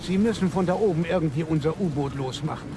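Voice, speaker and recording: A man playing a gruff, impatient elderly resistance member in a video game, brisk and urgent. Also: a little high, close to an everyday voice. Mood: grave, urgent. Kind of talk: German video game dub acting. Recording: mechanical noise behind.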